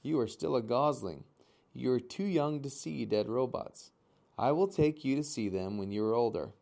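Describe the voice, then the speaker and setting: Man doing a calm, formal robot mother. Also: mid-range voice, vocal fry, close to an everyday voice. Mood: measured. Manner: flat, measured and formal.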